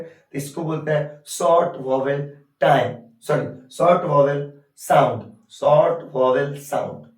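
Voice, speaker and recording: Heard from far off in an echoey room, a man teaches an English grammar lesson in a fairly high, slightly mellow voice. He has a habit of posing questions and supplying the answers himself.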